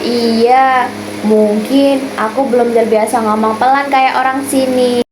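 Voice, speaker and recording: Girl playing calm friendly student from padang, slow gentle talk, slightly high voice. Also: roomy sound, faint music behind, close to an everyday voice, low-quality recording.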